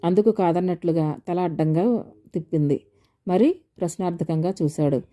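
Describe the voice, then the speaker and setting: A woman's voice: fairly low pitch, moderate pace, mellow. A woman reading a novel aloud as an audiobook narrator, telling the story steadily and voicing the characters lightly.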